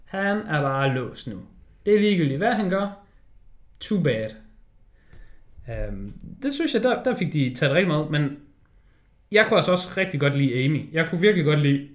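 Animated, swearing man in a roomy space. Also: a little high. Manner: animated, swears often, acts out scenes in quoted voices. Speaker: podcast co-host. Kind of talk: casual film discussion. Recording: roomy echo.

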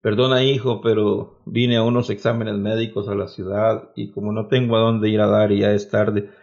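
A humble old grandfather pleads with his son for a place to sleep, as a male preacher acts him out in a story. His voice drops lower and softer than the preacher's own and stays subdued and begging. The recording is a little muffled. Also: level tone, normal speed, creaky. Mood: pleading.

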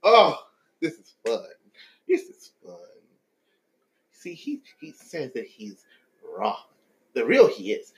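Loud, laughing man with a lively voice. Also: fairly high pitch, slow, pauses often, low-quality recording. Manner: loud laughing, teasing, crude jokes. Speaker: podcast guest. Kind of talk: casual podcast chat.

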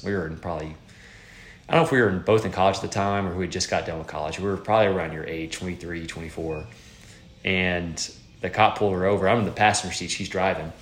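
A man in his thirties hosts a casual podcast, his voice sitting very low and his words coming quickly. He rambles, restarts sentences and leans on fillers, and the room around him rings with echo. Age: 30s. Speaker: podcast host.

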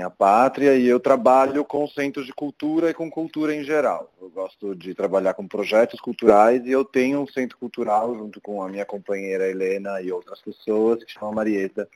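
A man, a podcast guest speaking Portuguese in a relaxed, reflective phone chat full of fillers. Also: on the low side, a little fast, rough recording. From Italy. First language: Italian. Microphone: phone call.

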